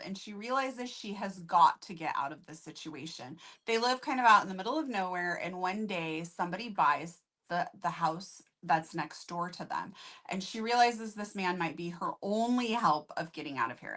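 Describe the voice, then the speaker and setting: A woman's voice: mid-range voice, animated, normal speed, pushed and bright. A woman co-hosting a casual book review chat, summing up a plot in a chatty way and laughing easily.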